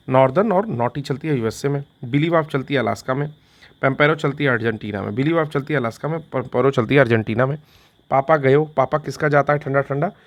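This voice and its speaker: A man teaching an exam revision lesson in Hindi, repeating each fact and quizzing himself with a question and its answer, with "theek hai" after each point. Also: mid-range voice.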